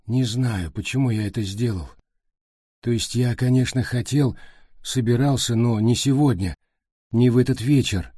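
A man voicing a dazed teenage boy, hoarse and apologetic, rambling through his words. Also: mid-range voice, normal speed, mellow, no room sound, studio quality, lightly acted. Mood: remorseful.

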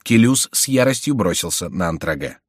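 A man's voice: deep voice, brisk, slightly rough, no room sound, studio quality. A man reading a historical novel aloud as an audiobook, giving every character a voice. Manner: expressive, voicing every character. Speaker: audiobook reader. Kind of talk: dramatic literary narration.

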